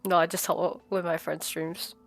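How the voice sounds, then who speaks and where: A woman's voice: on the low side, level tone, normal speed, creaky, no room sound, faint music behind. Sick, teasing woman on a voice call. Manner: dry, teasing and giggly. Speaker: guest on voice call. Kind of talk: casual gaming chat.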